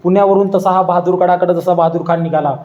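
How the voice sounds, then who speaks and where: High-voiced dramatic male storyteller. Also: fairly even intonation, quick pace, darkish tone, lo-fi sound. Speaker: public speaker. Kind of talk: storytelling history lecture. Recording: echoey hall.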